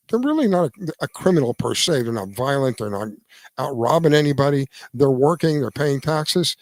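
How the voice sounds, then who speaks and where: Man, 70s, radio host, casual opinion talk; earnest, halting restarts, fairly high and animated voice. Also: dry recording. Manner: lively, swings between emphatic and quiet.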